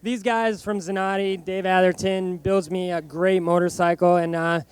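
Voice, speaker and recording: A man giving a casual post-race interview as a racer, halting and plain-spoken, leaning on "you know". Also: high voice, level tone, smooth. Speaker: motorcycle racer, race winner. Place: outdoor racetrack podium over microphone.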